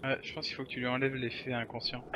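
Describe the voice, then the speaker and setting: A man's voice: mid-range voice, flat delivery, fast, muffled recording, noisy background. A man playing a tabletop game, explaining the rules and thinking aloud. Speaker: player. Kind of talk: tabletop game play over voice chat.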